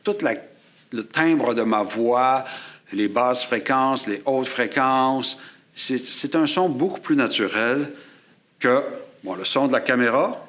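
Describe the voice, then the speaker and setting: A man teaching a class, explaining and demonstrating microphones at a studio table with a boom-mounted shotgun mic above him. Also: slow, a bit bright. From Quebec. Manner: explanatory, demonstrating gear while talking. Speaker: photography and sound instructor. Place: studio table set up for filming. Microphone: shotgun mic on a boom above, aimed at his chest.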